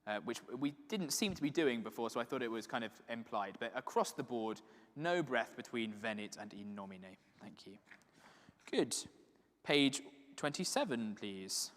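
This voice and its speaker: A man leading a choir rehearsal, giving brisk, encouraging directions and now and then singing a phrase to show how it should go. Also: medium pitch, expressive, fairly bright tone. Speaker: choir conductor. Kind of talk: rehearsal instruction. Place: large reverberant rehearsal space. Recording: distant voice in a reverberant hall, piano.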